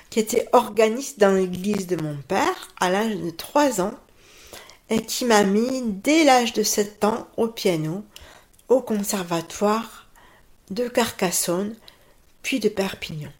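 Fifty-something woman, pianist, calm even answers on the radio. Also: mid-range voice, takes it slowly. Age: 50s. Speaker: pianist and piano teacher.

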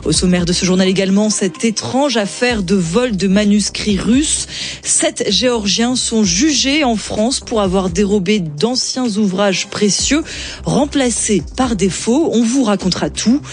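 A woman reading the radio news in a clear, measured way from a studio. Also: medium pitch, lively intonation. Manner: clear, measured newsreader delivery. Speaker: news presenter. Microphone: studio microphone.

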